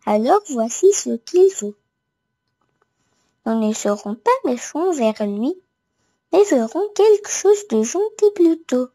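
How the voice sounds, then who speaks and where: A wise, gentle owl who leads the woodland animals in a picture book read to a toddler, voiced by a woman. The voice is high and mellow, and the words come slowly. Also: very animated, no room sound, clean studio sound, full character voice. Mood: thoughtful.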